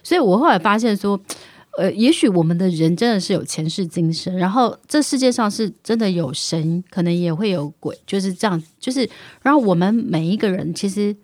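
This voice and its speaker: A woman, co-hosting a podcast and sharing thoughtful reflections, often pausing on fillers. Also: medium pitch, dry recording. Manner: reflective, listens with steady murmurs, halting with fillers. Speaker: podcast co-host. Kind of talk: casual chat.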